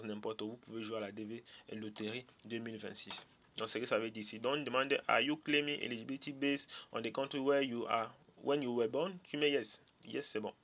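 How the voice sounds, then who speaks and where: A man from Cameroon, walking viewers step by step through an online form, reading English labels aloud and pausing on fillers. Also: medium pitch, fairly bright tone, highs cut off. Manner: hesitant, many "euh" fillers, repeats points. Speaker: tutorial presenter. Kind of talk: screen-share walkthrough of an online form.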